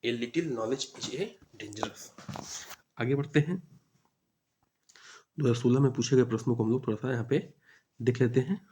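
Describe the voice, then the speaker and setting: A man's voice: mid-range voice, mellow. Hindi-speaking man teaching exam grammar. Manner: reads English questions slowly, then explains in Hindi with frequent "ठीक है". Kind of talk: exam-prep grammar lesson.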